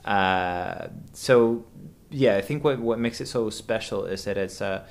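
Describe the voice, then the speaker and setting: A man's voice: fairly low pitch, measured pace. A man in his thirties from Venezuela, a podcast guest chatting casually and hesitantly, with many fillers and restarts. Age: 30s. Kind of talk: casual conversation.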